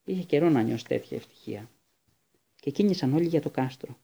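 Guy reading a novel out loud, husky dark voice, steady storybook pace. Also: fairly high pitch. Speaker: audiobook narrator.

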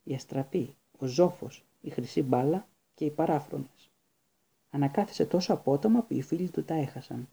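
Gravelly, dark-voiced male narrator. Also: fairly high pitch. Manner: calm, measured storytelling. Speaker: audiobook narrator. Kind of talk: scripted narration.

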